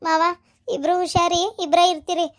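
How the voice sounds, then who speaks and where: A woman's voice: extremely high pitch, little pitch movement, moderate pace. A woman voicing a dutiful young cartoon daughter-in-law who speaks politely, with a North Karnataka Kannada accent.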